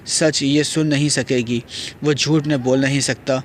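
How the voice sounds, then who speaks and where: A man's voice: medium pitch, fairly even intonation, a little hiss or hum, lightly acted. A man voicing a troubled, evasive young man in an audio novel, speaking in a soothing, guarded way.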